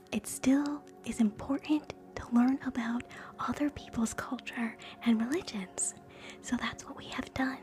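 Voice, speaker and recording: A woman hosts a live ASMR stream in a soft, breathy, slightly high whisper. Gentle and soothing, she moves between guided relaxation and quiet chat.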